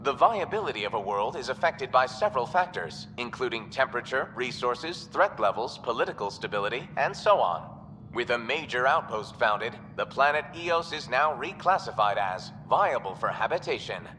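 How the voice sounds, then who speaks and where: A bright, formal male announcer for a space station, whose words ring out over the public address speakers with a long hall echo behind them. His delivery moves lively through its pitch while keeping an even, informative tone. A faint hiss sits under the loudspeaker sound. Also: moderate pace. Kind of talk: video game station announcements.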